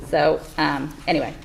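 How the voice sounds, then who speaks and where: A woman's voice: sits low, vocal fry. A woman chairing a public meeting whose voice sounds muffled, as if she has a bucket over her head, picked up by a laptop mic across the room. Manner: hesitant, restarting, chairing the meeting. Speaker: committee chair. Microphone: laptop microphone across the room. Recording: noisy remote meeting audio from a laptop mic.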